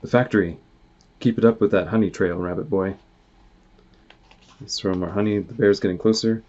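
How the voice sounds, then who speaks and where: Reading his own comic in a casual, animated way, a man voices the dialogue and makes the noises himself. He speaks at a moderate pace with a fairly low, darkish voice and fairly even intonation, captured in dull, muffled lo-fi sound.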